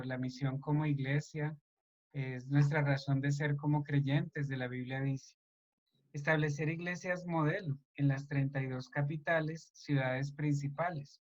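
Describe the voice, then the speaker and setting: A man's voice: on the high side, a little mellow. A man leading a church couples meeting, speaking earnestly and devotionally and addressing the listeners directly. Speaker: church couples ministry leader. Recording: dull lo-fi online meeting audio.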